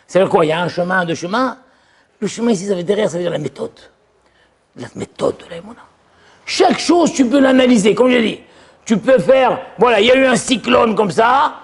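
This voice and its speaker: A man giving an animated religious lecture as a rabbi, telling stories and acting out little dialogues. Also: high voice, gravelly. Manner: lively storytelling, acts out voices. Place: yeshiva lecture hall.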